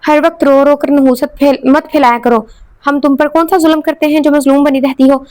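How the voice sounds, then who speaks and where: A woman's voice: high voice, fairly even intonation, a little fast, no room sound, lightly acted. A woman reading a spoiled haughty girl. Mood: scornful. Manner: sharp, scornful. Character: spoiled rude young woman, haughty cousin.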